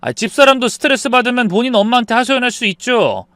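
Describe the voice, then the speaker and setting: A man's voice: very high voice, very animated, fast talker, fairly bright tone, no echo, pitched above the performer's own voice, exaggerated voice. A man voicing a dismissive adult son who brushes off his mother, sighing before his lines. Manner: whiny, starts lines with a sighing "ah".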